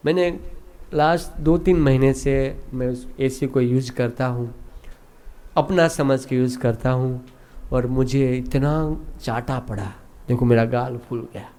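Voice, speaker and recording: Man playing a beaten-up, wise servant; quiet, slow, low. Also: creaky, close to an everyday voice. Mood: wry. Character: beaten, wry, philosophical male servant.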